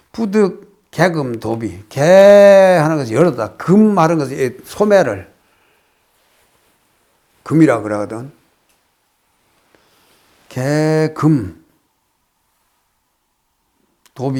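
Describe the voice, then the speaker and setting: An older man from Korea, a Buddhist monk, giving a casual spoken lecture on a classical text, reciting phrases and then explaining them with many pauses. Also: a little high, darkish tone. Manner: explains slowly, reciting phrases then paraphrasing, with frequent hesitations.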